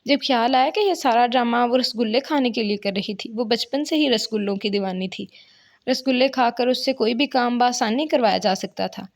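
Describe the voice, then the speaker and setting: Female novel narrator, expressive read, slightly high pitch.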